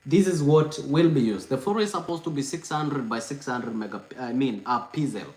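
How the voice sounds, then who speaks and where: A man at middle pitch talks through a live-stream explainer in an echoey room. He goes back over points and checks that viewers follow, thanking and answering them as he goes. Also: a little fast, darkish tone. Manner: repetitive, reassuring, reads out viewer comments.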